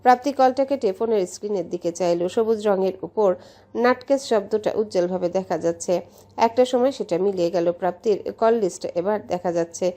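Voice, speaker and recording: A woman from Bangladesh narrating a romance story in a steady, measured way. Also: medium pitch. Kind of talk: audiobook story reading.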